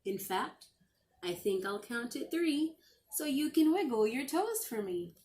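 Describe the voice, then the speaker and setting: Expressive and drawn-out, a middle-aged teacher reads a picture book aloud to young children. She has a high, sing-song voice with a darkish tone.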